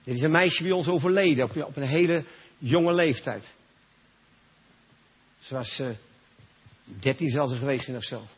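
A man's voice: mid-range voice, normal speed, pauses often, breathy edge. A man preaching a sermon in a church gathering, talking emphatically and straight to his listeners. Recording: dull lo-fi recording.

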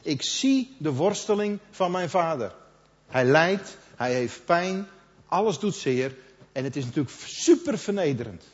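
Middle-aged preacher in a reverberant hall. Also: male voice, a little high, a little slow. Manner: conversational, quotes others in lively asides. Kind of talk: sermon. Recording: dull sound with long hall reverb.

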